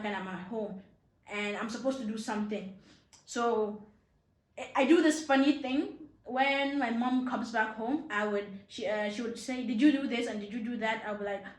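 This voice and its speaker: A young woman from Nigeria hosting a casual chat with her mother, talking in a playful way with many fillers and restarts. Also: a little high. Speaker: host. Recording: echoey room.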